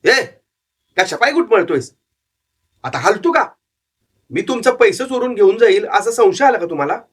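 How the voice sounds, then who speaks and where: A man's voice: high voice, very animated, moderate pace, fairly bright tone, voice pushed up, full character voice. A man voicing a shrewd, cynical old male street fortune-teller who talks bluntly and knowingly in a narrated story. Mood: snapping. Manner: blunt, scolding, worldly.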